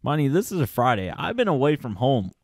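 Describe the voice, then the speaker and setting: A man's voice: medium pitch, sing-song, a little fast, a little mellow, dry recording, studio quality. A man, a podcast guest, tells a road story in casual, profane chat and laughs as he goes.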